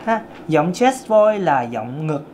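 A singing teacher from Vietnam with a thin, light tenor chats casually through a lesson, making jokes at his own expense and singing scales to demonstrate. His voice is a little high, mellow and sing-song, he speaks slowly, and the recording has a faint hiss or hum.

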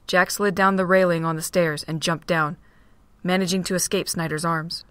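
Narrating a fan-made audio drama, a woman speaks steadily and plainly at a moderate pace in a low, clear, resonant voice. She's recorded close and dry, without any echo or sense of room.

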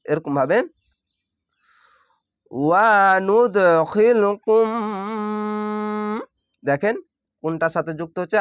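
Man spelling out syllables, higher voice. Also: no room sound, clean studio sound. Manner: spells out syllables slowly, then chants the word drawn out. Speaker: Quran reading teacher. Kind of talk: step-by-step spelling lesson.

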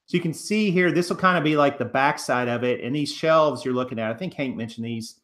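A man's voice: medium pitch, a little fast, fairly bright tone. Thirties male co-host, casual and rambling, restarts often, recorded on a home webcam. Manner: rambling, many fillers and restarts. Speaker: co-host of a reselling channel. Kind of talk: casual chat over photos. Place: living room, on a couch.

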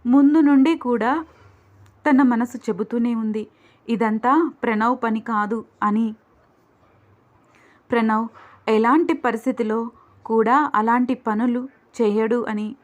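A woman reading a romantic suspense story aloud in a steady, measured way. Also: a little high. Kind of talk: scripted story narration. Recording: dull lo-fi recording.

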